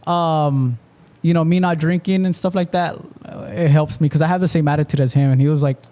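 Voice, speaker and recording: A man's voice: a little high, fairly even intonation, fairly quick, dark tone. A man hosting a podcast, chatting in a laid-back way and swearing freely. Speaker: podcast host. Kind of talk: casual chat.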